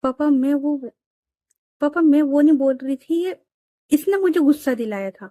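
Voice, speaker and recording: A woman's voice: high voice, lively intonation, normal speed, mellow, no room sound, studio quality, voice pushed up. A woman voicing a young woman, a stubborn elder sister who scolds her sibling in a spoken audio story. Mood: scolding. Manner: blunt, scolding.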